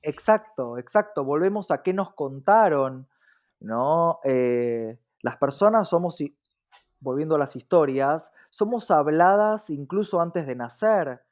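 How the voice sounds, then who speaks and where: An animated, unhurried Argentine man with a darkish, fairly high voice reflects as a podcast guest who works in diversity. Short tag questions to check in pepper his speech, recorded on dull lo-fi audio.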